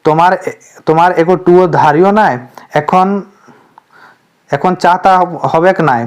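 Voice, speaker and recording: A man reading out the lines of an irritated wife who scolds her husband, in a sharp, scolding way. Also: on the high side, fairly even intonation, a little slow, natural voice.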